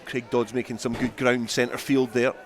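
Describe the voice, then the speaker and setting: A man is live on radio calling a rugby match as the play-by-play commentator, broadcasting outdoors from the ground. His voice sits in the middle range, and he delivers it flatly at a moderate pace.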